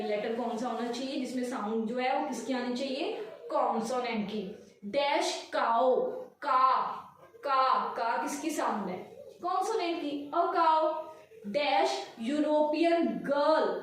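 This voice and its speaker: A woman's voice: high voice, recorded from a distance. A woman teaching English grammar, explaining step by step and answering her own questions. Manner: slow, deliberate English, quicker Hindi. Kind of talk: classroom grammar lesson. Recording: echoey room, voice from off the mic.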